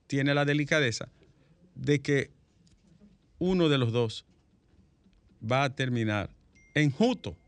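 A man with a Dominican accent hosting a panel talk show on the news, an animated storyteller who swears casually. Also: mid-range voice, no echo.

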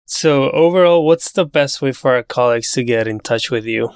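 A man's voice: medium pitch, moderate pace, clear, resonant tone, no echo, clean studio sound. A man co-hosting a podcast interview in a casual conversational style. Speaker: podcast co-host.

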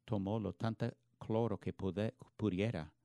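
A man's voice: on the low side, steady tone, a little slow, gravelly, mellow, no room sound, studio quality. A man preaching a sermon in an earnest, emphatic way, often restarting words mid-phrase. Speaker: pastor.

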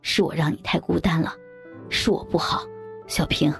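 A woman voicing a jealous but gentle young husband in a story, murmuring low and soft. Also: huge pitch swings, moderate pace, creaky, full character voice. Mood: tender. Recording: faint background music.

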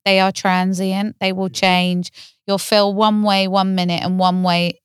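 A woman therapist talks through feelings on a podcast in a calm, reflective way. Her voice is exceptionally smooth and clear, recorded close and dry with no room sound. She often works through ideas by asking gentle questions. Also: mid-range voice, unhurried, no echo. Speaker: therapist, co-host. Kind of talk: podcast conversation.

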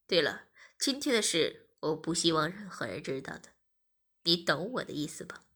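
Brief: assured male boss, read by a woman, lowered and lively. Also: moderate pace, breathy edge, exaggerated voice. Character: confident male first-person narrator, a boss.

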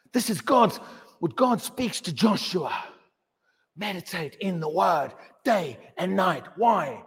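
High-voiced man preaching emphatically. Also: animated, slow pace, pauses often, husky, long reverb tail. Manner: emphatic, questioning, repeats phrases. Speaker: pastor. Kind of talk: sermon. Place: church.

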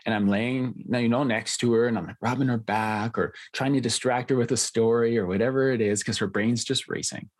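A man's voice: medium pitch, fairly even intonation, brisk, few pauses. A man hosting a podcast, talking in an earnest, conversational way. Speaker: podcast host. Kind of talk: podcast interview.

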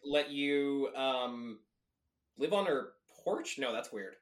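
Low-voiced wry woman podcaster. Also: expressive, slow. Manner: wry, dry asides with laughter. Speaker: podcast co-host and editor. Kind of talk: casual chat.

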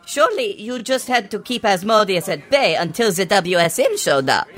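A woman's voice: medium pitch, animated, normal speed, a bit bright, faint music behind. An actress playing a curious young woman who asks eager questions.

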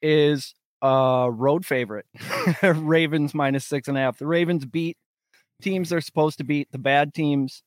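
A man's voice: fairly high pitch, steady tone, unhurried, no room sound, studio quality. A man co-hosting a sports betting podcast in casual, conversational talk. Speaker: podcast co-host, sports bettor.

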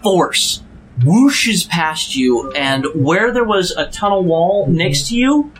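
A man running a tabletop game as dungeon master, describing scenes in a steady narrating voice with small fillers. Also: sits high, takes it slowly, rough recording. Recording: faint background noise.

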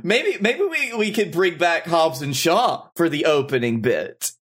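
A man's voice: on the high side, expressive, unhurried, fairly bright tone, slightly rough. A man co-hosting a comedy podcast, riffing easily on film ideas. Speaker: podcast co-host. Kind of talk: comedic improv chat.

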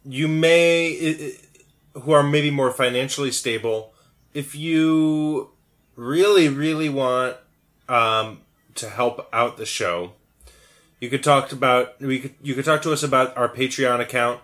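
A man co-hosting a podcast, speaking haltingly with many ums and restarts. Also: medium pitch, fairly bright tone. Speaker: podcast co-host. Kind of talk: casual podcast chat.

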